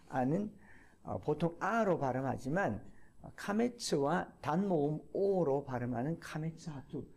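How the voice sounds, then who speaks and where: A man lecturing to a class, explaining step by step, repeating key terms and pausing with fillers. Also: a little high, dark tone, a little hiss or hum.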